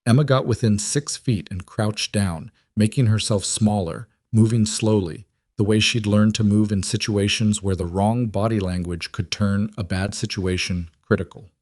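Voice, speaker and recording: A man narrating a dramatic story in a measured, scripted reading. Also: lowish voice, steady tone, a little mellow, no room sound, clean studio sound.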